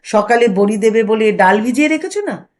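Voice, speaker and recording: A woman's voice: on the high side, lively intonation, fairly quick, darkish tone, natural voice. A woman narrator voicing a wry older husband who teases and mocks his wife. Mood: teasing. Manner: bantering, mocking.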